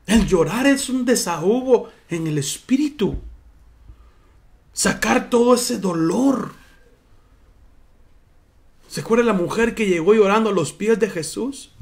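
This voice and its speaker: A man's voice: high voice, a little mellow. A man preaching a sermon in church as pastor, earnest and personal, often calling his listeners brothers.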